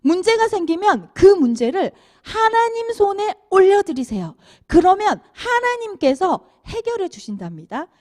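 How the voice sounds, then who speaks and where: A woman giving a children's sermon, animated and asking the kids questions as she tells the story. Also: extremely high pitch, unhurried. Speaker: children's minister.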